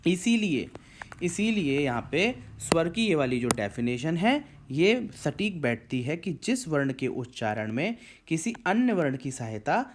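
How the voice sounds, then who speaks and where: Animated man teaching grammar. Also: on the high side, slight background noise. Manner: patient, explains step by step with checking fillers; stretches vowel sounds to demonstrate pronunciation. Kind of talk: Hindi grammar lesson.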